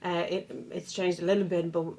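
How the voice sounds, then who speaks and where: A woman in her thirties from Sweden, a native Swedish speaker with a slight Swedish accent, answering interview questions in a measured, articulate way. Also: fairly low pitch, little pitch movement, a little mellow. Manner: articulate, measured, with some fillers. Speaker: local councillor. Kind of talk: interview guest.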